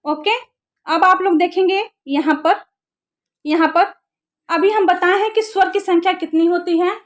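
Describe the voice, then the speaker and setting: A woman's voice: very high voice, steady tone, normal speed. A young woman teaching an exam-prep lesson, who asks her class questions and answers them herself while repeating the key terms.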